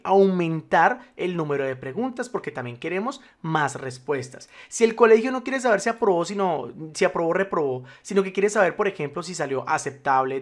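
A man teaching a spreadsheet tutorial, explaining step by step, reassuring the viewer and checking in often. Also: sits high. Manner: formal address to the viewer, patient step-by-step explaining. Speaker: spreadsheet instructor. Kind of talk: screen-recorded software tutorial.

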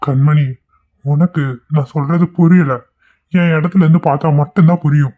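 A man's voice: on the high side, fairly even intonation, normal speed, narrow, tinny audio, natural voice. A man voicing a weary young man in a cartoon, resigned and pleading to be left alone.

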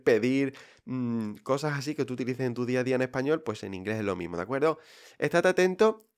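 A man's voice: medium pitch, smooth. A man with a Spain Spanish accent hosting a podcast, talking directly and reassuringly with many fillers. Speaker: podcast host. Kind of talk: casual podcast monologue.

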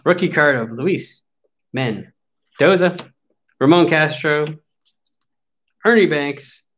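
A man in his forties hosting a card break speaks slowly and expressively in a fairly bright voice on the high side. As he opens packs, he chats wryly and grumbles in jest about what he gets.

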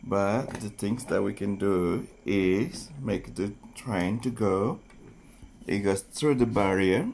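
A toy train channel host with a fairly low, creaky, slightly mellow voice shows off his wooden train set to young viewers, speaking very slowly, casually and unhurriedly. He's recorded on a phone in an indoor playroom with shelves and a train table, where faint hiss and the click of toys he handles can be heard.

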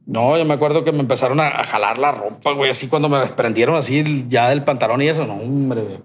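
Casual storytelling from a podcast guest with a Sinaloan Mexican Spanish accent: a long personal tale, rambling, slang-heavy, and sprinkled with swearing. His mid-range voice moves fast, with a little hiss or hum audible.

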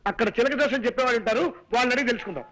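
An actor playing a timid, fussy comic young man in a film scene, talking in fast, high, excitable chatter. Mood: joking. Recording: film soundtrack with light music.

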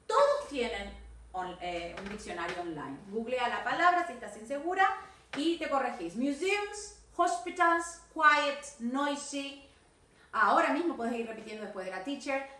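A woman's voice: on the high side, big pitch swings, fairly quick, a bit bright, roomy sound, distant mic. A woman English teacher with an Argentine Spanish accent, giving feedback on students' videos, mixing Spanish and English and correcting pronunciation and grammar.

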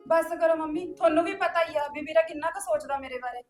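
A woman's voice: a little high, fairly even intonation, a little fast, darkish tone, natural voice. A young woman playing a hurt, resentful sister who sulks and answers back defiantly, with faint music behind. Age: young adult.

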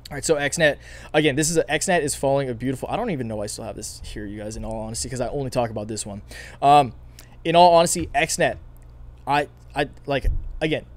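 Raspy fast-talking young man. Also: medium pitch. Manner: rambling, repeats himself, many fillers. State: losing his voice, raspy. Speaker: stock market video host. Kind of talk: casual market analysis vlog.

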